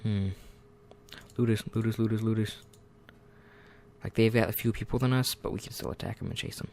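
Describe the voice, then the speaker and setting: A man's voice: on the low side, fast talker, creaky, darkish tone. A man giving rambling, self-deprecating let's-play commentary, often muttering asides to himself over faint game music. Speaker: gaming channel host.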